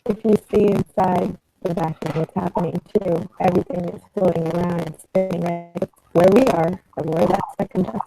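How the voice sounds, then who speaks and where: A woman's voice: fairly low pitch, fairly even intonation, moderate pace, creaky, hardly any pauses, over music, rough recording. A woman caller in a casual group chat, talking in a rambling way that trails off, her voice coming through a garbled, breaking-up call connection. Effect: breaking-up, garbled online call audio.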